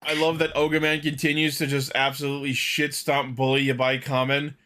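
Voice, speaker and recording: A man with a fairly high-pitched voice that comes across bright and forceful. He talks like a fan on a podcast, recapping a show in casual, animated, profane chat. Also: a little fast. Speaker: podcast co-host.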